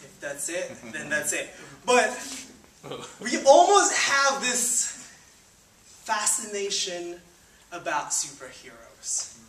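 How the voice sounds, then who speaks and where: With a high, sing-song voice, he takes his time, pausing often, and sounds a bit bright over slight background noise. He's a Filipino man in his twenties leading student ministry, giving a chatty, cheerful informal sermon with plenty of fillers on a church hall stage. A far camera with no visible mic records the spacious, distant hall sound.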